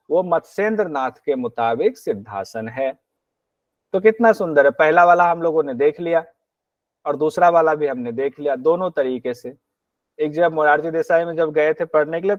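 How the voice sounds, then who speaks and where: Male yoga teacher, a bit high-pitched, lecturing on old texts; dull, dry, muffled recording. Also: no room sound. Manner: slow measured Sanskrit recitation, then explains in plain talk; asks and answers his own questions. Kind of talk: exam-prep lecture on a yoga text.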